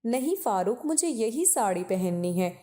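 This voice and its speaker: A woman's voice: fairly high pitch, big pitch swings, mellow. A woman voicing a fashionable, headstrong young wife in a spoken story, in a pouting, insistent way.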